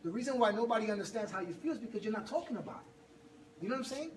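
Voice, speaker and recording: Firing off words rapidly in a high voice, a man rallies his fitness group with lively encouragement and frequent laughter. It's a motivational group pep talk. Heard from far off, the audio is noisy and echoes around the room.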